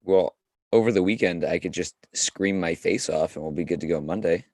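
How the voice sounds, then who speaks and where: Hoarse guy co-hosting, super deep voice, dry close sound. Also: a little fast, a little mellow, no room sound. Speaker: co-host. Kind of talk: casual live show chat.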